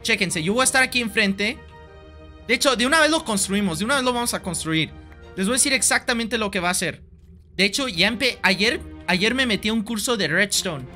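A man's voice: high-pitched, animated, a little fast, bright, forceful tone. A young man with a Mexican Spanish accent, streaming a game live in a playful, rambling way, swearing casually and repeating his lines. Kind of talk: joking gameplay live stream. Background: faint background music.

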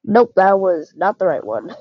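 A young woman giving casual, rambling commentary over her own gameplay, excitable and laughing often. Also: lowish voice, a little slow, lo-fi sound, heavy background noise. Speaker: gaming channel host.

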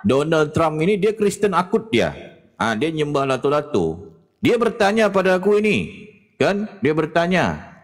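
Sneering, lively man in a reverberant hall. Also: fairly high pitch, unhurried. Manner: animated, sneering, laughing at his own jokes. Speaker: discussion panelist. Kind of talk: mocking live religious debate talk.

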